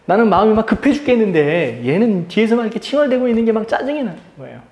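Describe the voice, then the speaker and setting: A man's voice: high-pitched, reverberant. A man in his thirties, a pastor preaching a sermon and telling a personal story, his voice rising and dropping as he acts out what people said. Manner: storytelling, acts out quoted voices softly and loudly. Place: church sanctuary.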